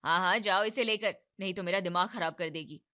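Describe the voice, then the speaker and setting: A woman's voice: lowish voice, fairly quick, bright, forceful tone. A woman voicing a bossy but caring older mother-in-law in a cartoon family drama, scolding and commanding.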